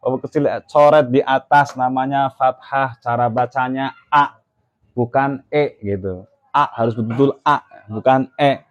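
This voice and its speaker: A man's voice: medium pitch, steady tone, moderate pace. Patient male teacher drilling letter sounds. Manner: patient, counts out beats while drilling Arabic letter sounds. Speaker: Quran reading teacher. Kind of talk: classroom lesson. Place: mosque.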